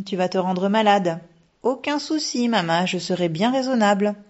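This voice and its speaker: A woman narrating a children's storybook in a steady, measured reading voice. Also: deep voice, breathy edge. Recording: dull lo-fi recording.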